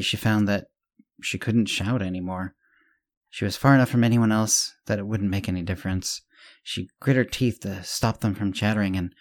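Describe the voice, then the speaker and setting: Man reading a serial story, slightly low. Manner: measured reading with small self-corrections. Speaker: host and narrator. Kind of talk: scripted narration of a serial story.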